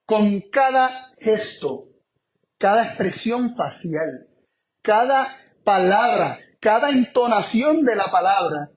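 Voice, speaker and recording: High-voiced man preaching a sermon. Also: sing-song. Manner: emphatic, repeats key phrases, shifts between slow stress and quick asides. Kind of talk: Bible study sermon.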